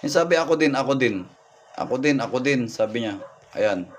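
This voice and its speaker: A man's voice: medium pitch, lively intonation, normal speed, a little hiss or hum. Man reading signs on a livestream. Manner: repetitive, thanks viewers by name, points things out. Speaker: folk healer livestreaming readings. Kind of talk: live-stream reading and viewer shout-outs.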